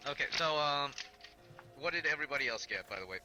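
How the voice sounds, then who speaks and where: A man narrating a tabletop game as game master, in a measured, halting way with pauses and fillers. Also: a little high, expressive, bright, forceful tone, soft background music.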